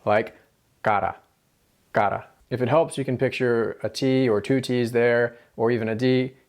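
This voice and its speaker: A man's voice: medium pitch, steady tone, moderate pace, darkish tone. A man with an American accent explains pronunciation in a casual tutorial style, demonstrating tapped and rolled R sounds with repeated example syllables and words. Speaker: language teacher.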